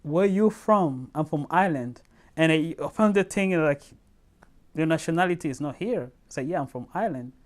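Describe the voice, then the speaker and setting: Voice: medium pitch, moderate pace. A young adult from Tanzania telling stories in a personal interview, laughing often and acting out dialogue. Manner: lively storyteller, laughs often, acts out quoted dialogue.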